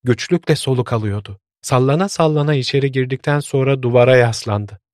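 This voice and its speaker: A man narrating a story in a calm, measured storytelling voice. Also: mid-range voice, dry recording, clean studio sound.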